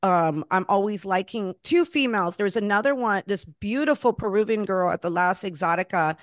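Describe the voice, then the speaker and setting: A middle-aged woman from Florida talks with a podcast guest in a relaxed, chatty way. She reminisces easily and encourages the guest. Her voice sits close and dry, with no room sound around it. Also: mid-range voice, brisk, no room sound. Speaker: podcast host. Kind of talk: casual interview chat.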